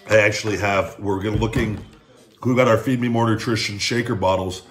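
A man's voice: on the low side, steady tone, brisk, a bit bright, a little hiss or hum. A middle-aged man chatting casually to camera as a review host, blunt and foul-mouthed. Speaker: host reviewing hot sauce. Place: room at home, indoors.

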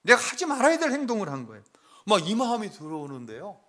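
Lively bright-voiced male pastor preaching. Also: sits high, quick pace. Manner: storytelling, acting out quoted family voices, swings between hushed and loud. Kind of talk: sermon with personal story.

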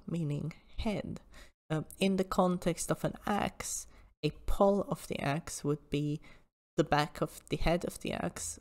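A woman presenting an informal history lecture in a measured, precise, explanatory way. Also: fairly low pitch, darkish tone.

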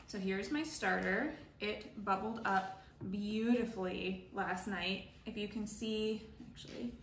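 Speaking slowly at medium pitch, a young home baker hosts a casual tutorial on her channel. She talks each step through in a chatty, friendly style from her kitchen, where the recording carries an echo and faint noise.

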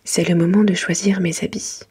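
A woman reading a children's picture book in a soft, gentle whisper, as ASMR for bedtime. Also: lowish voice, fairly even intonation, normal speed, a little hiss or hum. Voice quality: breathy, mostly whispered soft voice.

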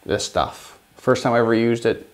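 A man in his thirties hosts a workshop video from an indoor home shop, chatting casually to the camera through a lapel mic. He's relaxed and rambling, full of fillers, speaking at medium pitch and moderate pace over slight background noise.

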